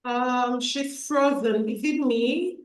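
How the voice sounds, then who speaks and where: A woman moderating a panel's question session over a video call, relaying audience questions in a halting way and repeating words as she goes. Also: on the high side. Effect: heard over a video call. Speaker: webinar moderator. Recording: echoey, distant video-call audio.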